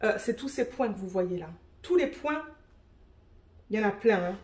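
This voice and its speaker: A woman vlogging an unboxing in a quick, chatty way, reading out color numbers at home. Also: mid-range voice, lively intonation, a little mellow. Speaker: diamond painting vlogger. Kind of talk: casual unboxing chat.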